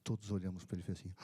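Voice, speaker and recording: A male pastor preaching in a low, husky voice. He narrates a deathbed conversation as dialogue, shifting between quiet whispers and sudden lifts in pitch. His delivery is a storytelling sermon. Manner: retells dialogue, drops to whispers and rises in bursts.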